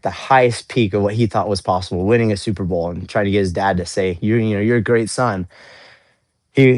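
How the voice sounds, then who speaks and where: A man's voice: on the low side, no echo. A young man hosting a casual faith-based motivational livestream outdoors in the snow, earnest and upbeat, cooling off after a workout. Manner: earnest, upbeat, repeats words often. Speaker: livestream host.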